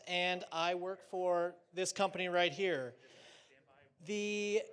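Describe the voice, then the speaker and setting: A man's voice: high voice, a bit bright, smooth. A man giving a casual, chatty presentation with slides on stage at a live trade show, joking lightly between fillers.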